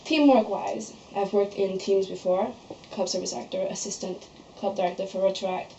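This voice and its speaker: Speaking at a normal speed with a medium pitch and a dark tone, a young woman from Malaysia delivers her nomination speech for a student society post and answers questions casually, using plenty of fillers. The student society meeting room sounds echoey, the audio is dull and lo-fi, and there's a little background noise.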